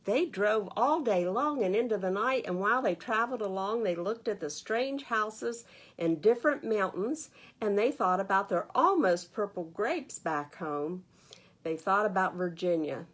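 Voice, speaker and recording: A storytime librarian reads a picture book aloud to young children. Her mid-range voice is expressive, with lively intonation and a measured pace, and she adds gentle conversational asides and questions.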